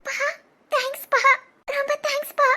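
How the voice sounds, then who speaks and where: A very high, squeaky voice of a tearful young daughter, as a woman acts her out. She pleads and sobs in a childlike way. This is cartoon voice acting. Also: level tone, normal speed, bright, forceful tone. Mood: tearful, pleading.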